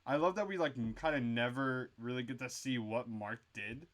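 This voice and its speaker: Guy co-hosting a show review, rambly, tons of "like", swears a lot, mid-pitched. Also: moderate pace. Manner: rambling, filler-heavy, swears freely. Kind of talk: casual chat.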